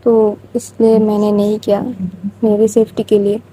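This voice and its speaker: A woman's voice: medium pitch, monotone, normal speed, mellow, husky, poor audio. A woman narrating a story in a chatty, informal way, with confiding asides to listeners.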